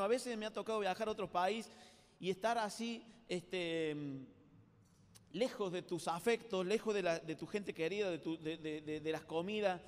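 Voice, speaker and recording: A man with an Argentine accent preaching a live sermon to a youth congress, telling stories in a chatty, colloquial way and addressing the audience directly. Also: high voice. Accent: Argentine Spanish. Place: large hall at a youth congress. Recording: reverberant live hall recording.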